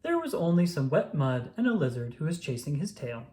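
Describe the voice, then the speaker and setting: Reader acting out calm male frog, storybook animal, encouraging, patient storyteller, mid-pitched, animated. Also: brisk, close to an everyday voice. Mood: gentle storytelling.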